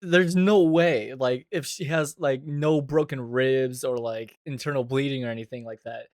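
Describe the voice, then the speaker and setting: A man's voice: mid-range voice, normal speed, darkish tone, no room sound, clean studio sound. A man streaming casual reaction commentary, talking informally with lots of "like" and some swearing.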